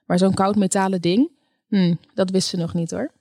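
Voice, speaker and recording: A woman reads a story aloud at a calm, even pace. Her voice sits in the middle range, and the recording is dry and close with no room echo. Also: mid-range voice, normal speed. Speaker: audiobook narrator. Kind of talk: scripted narration.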